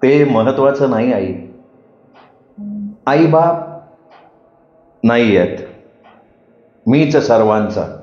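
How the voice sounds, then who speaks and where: Narrator voicing a calm young man, low and soft, unhurried, in a roomy, muffled recording. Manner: soft, patient, reassuring. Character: gentle young wandering man, calm and kind.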